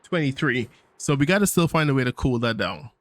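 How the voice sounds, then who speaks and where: A man's voice: medium pitch, expressive, a little fast, dry recording. A man hosting a gaming channel, thinking aloud in casual let's-play commentary with fillers and small laughs, in a tired morning voice.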